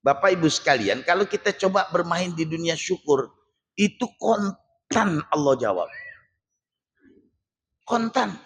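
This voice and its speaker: A man preaching a casual, humorous sermon and teasing his audience with rhetorical questions. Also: fairly high pitch. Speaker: Islamic preacher. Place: mosque hall. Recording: long reverb of a mosque hall.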